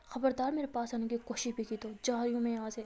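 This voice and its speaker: A woman's voice: on the high side, little pitch movement, dark tone, lightly acted. A woman voicing an angry, proud young college woman who scolds sharply.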